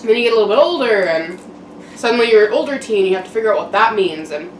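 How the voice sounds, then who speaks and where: A woman's voice: medium pitch, expressive, quick pace. Young woman vlogging, distant and echoey. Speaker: mukbang vlogger. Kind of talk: casual personal monologue to camera. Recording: roomy echo, distant mic, background noise.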